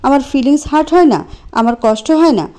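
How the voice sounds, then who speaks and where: A woman voicing a quiet young man who is hurt and lovesick, reading him in a storybook tale. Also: high-pitched, expressive, fairly quick, voice pushed up. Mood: hurt, shouting.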